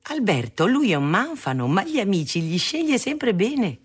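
A reader voicing a talkative, doting mother, pitched somewhat above the narration. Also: very animated, normal speed, breathy edge. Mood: admiring. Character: talkative fond middle-aged mother.

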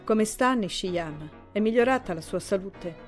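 A woman voicing a polite, aging male professor in a storybook reading, speaking with measured, formal courtesy. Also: mid-range voice, animated, faint music behind, natural voice.

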